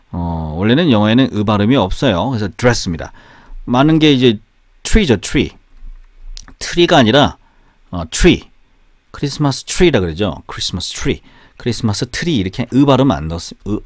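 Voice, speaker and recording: Korean-native guy teaching english sounds, low voice but really lively, says each word over and over. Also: dry recording, clean studio sound. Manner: repeats each word slowly, drilling aloud. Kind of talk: word-by-word pronunciation lesson.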